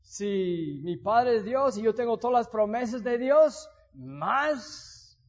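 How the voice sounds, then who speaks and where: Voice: medium pitch, lively intonation, slow. A preacher voicing a confident male Pentecostal pastor in a joke, in a lo-fi recording with a long hall echo. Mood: self-assured. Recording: dull lo-fi recording in an echoey hall.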